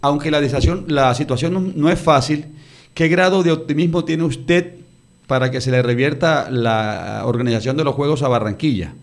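A man's voice: on the high side, normal speed. Male radio interviewer asking direct questions.

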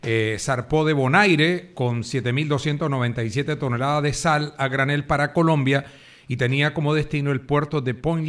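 A man's voice: on the high side, a bit bright. A man hosting a radio news interview, asking direct questions and reading out a report. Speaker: radio host.

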